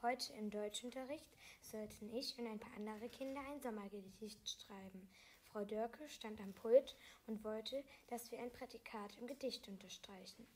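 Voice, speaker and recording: A woman reading aloud a self-written fantasy story, halting, with small slips and restarts. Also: a little high, warm tone, slight background noise.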